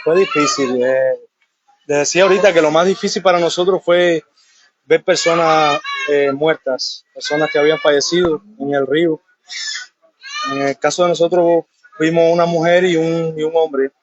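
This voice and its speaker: A man from Cuba speaks earnestly in a street interview, stopping often and restarting his phrases. His voice sits a little high, and the outdoor audio is muffled. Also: steady tone, a little hiss or hum. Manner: earnest, halting with fillers. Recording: muffled live field audio.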